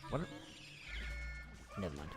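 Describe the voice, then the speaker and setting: A man's voice: takes it slowly, over music. A man giving casual, chatty commentary while playing a video game, muttering to himself, swearing freely and sounding exasperated at the game. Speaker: let's play gamer.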